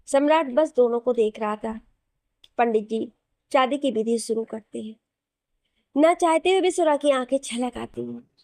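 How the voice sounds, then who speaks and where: A woman storyteller reads a dramatic story in a steady, scripted way. Her voice sits fairly high, with a warm, mellow tone. The recording is dry and close. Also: no room sound.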